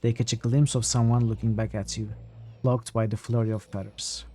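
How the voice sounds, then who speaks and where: A man's voice: mid-range voice, level tone, normal speed, warm tone. A man doing a casual game playthrough, reading the on-screen story aloud and commenting as he plays. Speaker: gameplay host reading the game text aloud.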